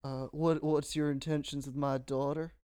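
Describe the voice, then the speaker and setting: A man's voice: fairly high pitch, level tone, normal speed, warm tone, clear, resonant tone, no echo, studio quality, lightly acted. A man improvising an awkward, overprotective dad in a comedy role-play, stammering and hesitant. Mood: awkward, protective. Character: awkward, overprotective dad meeting his daughter's date.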